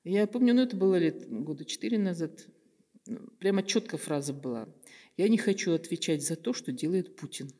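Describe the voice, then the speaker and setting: A guest artist from Kazakhstan, an older woman with a slightly low voice and lively intonation, talks reflectively in an interview, slow and thoughtful, with many pauses and fillers as she searches for words. She's at a table microphone on a stand in a bright room, with noticeable reverb on her voice.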